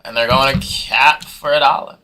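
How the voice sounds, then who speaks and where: A man hosts a live card break and calls out bids in hyped, rapid auction patter. His voice is very bright and sharp. He sits close to the mic. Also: mid-range voice, steady tone, a little hiss or hum. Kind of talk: live sales commentary.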